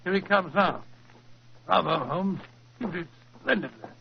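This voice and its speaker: An actor playing a loyal, hearty, often puzzled British doctor with a gravelly voice, in 1940s radio style. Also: male voice, high voice, unhurried, a little hiss or hum. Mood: admiring, amused. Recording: muffled 1940s radio recording.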